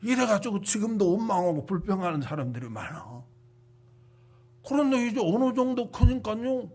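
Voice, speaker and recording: Male pastor, high voice; animated storyteller, hushed to loud, ends in prayer. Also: moderate pace. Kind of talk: sermon and closing prayer.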